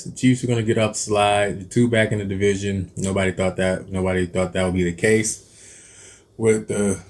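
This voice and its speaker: Rambling low-voiced man making football picks. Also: a little mellow. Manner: rambling, hesitant, many ums and self-corrections. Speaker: cooking channel host. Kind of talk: casual football picks chat while eating.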